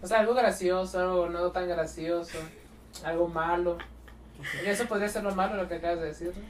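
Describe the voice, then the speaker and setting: A woman's voice: fairly low pitch, steady tone, fairly quick, recorded from a distance. A woman hosting a casual podcast, teasing her guest and prompting her with questions. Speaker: podcast host. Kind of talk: casual chat. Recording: roomy sound, away from the mic, faint noise.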